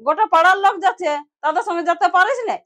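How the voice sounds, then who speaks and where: In a village drama, an actress plays a grumbling, middle-aged mother-in-law with a Purulia Bengali accent who scolds her lazy daughter-in-law. Her voice is very high, racing, bright and forceful, with a nagging, scolding tone.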